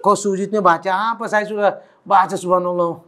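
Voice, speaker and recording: A man from Timor tells his life story as a guest in a casual interview, a preacher who slips into voices for the people he quotes and laughs along the way. His voice sits a little high for a man. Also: fairly quick. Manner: animated storyteller who acts out quoted dialogue and laughs often.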